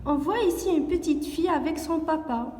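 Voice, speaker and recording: A woman teaching a phonics lesson to young children, speaking slowly and carefully and repeating each word and sound. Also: sits high, darkish tone, slight background noise. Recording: echoey room with long reverb.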